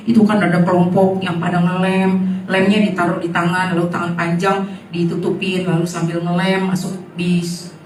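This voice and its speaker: A woman preacher giving a sermon with personal testimony, telling stories with lively acted-out dialogue. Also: lowish voice, slight background noise. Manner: lively storytelling, acting out dialogue. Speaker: guest preacher. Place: church hall. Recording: echoey hall, mic from far off.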